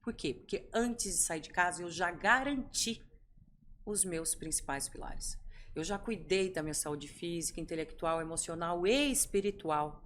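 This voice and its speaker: A middle-aged woman speaking as a podcast guest, telling stories with lively rhetorical questions. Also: lowish voice, moderate pace, slight background noise. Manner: animated storytelling, rhetorical questions. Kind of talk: conversational interview.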